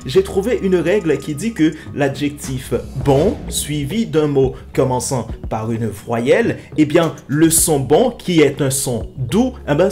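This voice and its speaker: A man's voice: a little high, darkish tone. A man hosting his own video channel, explaining French grammar and pronunciation in a casual, emphatic teaching style, repeating example phrases.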